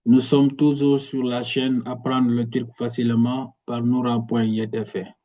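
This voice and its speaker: A man giving a spoken language lesson, slowly pronouncing each word and repeating it several times. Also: mid-range voice, level tone, mellow. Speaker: Turkish language teacher.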